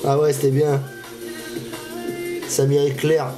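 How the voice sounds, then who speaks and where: A YouTube fishing channel host speaks slowly in a mid-range voice with a completely flat delivery. His reaction commentary is casual and full of slang, and he laughs often while music from the video he's reacting to plays behind him.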